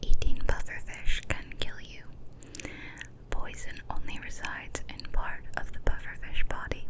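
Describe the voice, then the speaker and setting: A young adult woman giving whispered ASMR narration, cupping her hand and whispering very close to the mic without voicing. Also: poor audio. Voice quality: unvoiced whisper. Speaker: ASMR host. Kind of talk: whispered ASMR, reading fun facts. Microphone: extreme close-up mic.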